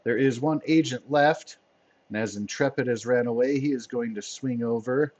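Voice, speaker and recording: A man narrating as game master of a tabletop role-playing game, playful and quick to laugh. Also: medium pitch, darkish tone. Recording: dull lo-fi sound.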